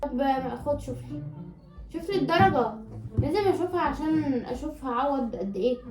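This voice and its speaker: A woman's voice: sits high, lively intonation, quick pace, roomy sound, music in the background. A young woman with an Egyptian Arabic accent on a casual home vlog, pleading and insisting with her brother. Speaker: co-host, the host's sister.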